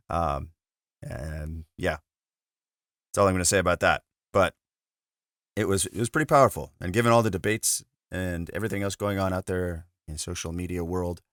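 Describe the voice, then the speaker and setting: A man, a monk, reading a spiritual book aloud in a measured, earnest way after a brief casual intro. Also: sits low, no echo, clean studio sound.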